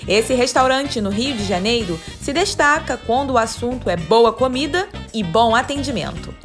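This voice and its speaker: High-voiced Brazilian TV reporter. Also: female voice, animated, music in the background. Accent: Brazilian Portuguese. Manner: smooth, measured reporter delivery. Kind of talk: scripted news narration.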